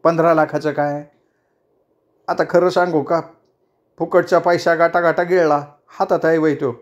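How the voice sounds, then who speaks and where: A man's voice: fairly high pitch, flat delivery, measured pace, lo-fi sound, voice pushed up, close to an everyday voice. A man voicing a confident, proud woman politician in a storybook reading, firm and cutting. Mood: stern. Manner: firm, cutting, self-assured.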